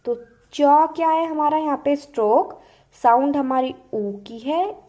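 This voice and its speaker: A woman's voice: sits high, unhurried, warm tone. A woman teaching shorthand in an online lesson, patiently repeating points, asking questions and answering them herself. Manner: patient, repeats and checks understanding with frequent "ठीक है".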